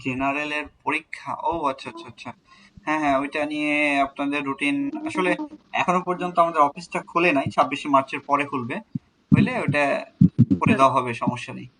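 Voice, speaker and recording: A man's voice: a little high, fast, pushed and bright, a little hiss or hum, poor audio. A young adult man with a Bangladeshi accent teaching an online class, explaining step by step and repeating key words as he answers questions.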